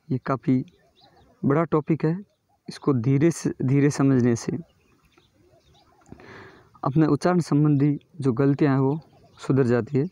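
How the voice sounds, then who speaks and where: A man teaching English pronunciation in a slow classroom style, reading word lists aloud and repeating each word. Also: mid-range voice, warm tone, no echo. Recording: dull, lo-fi and dry.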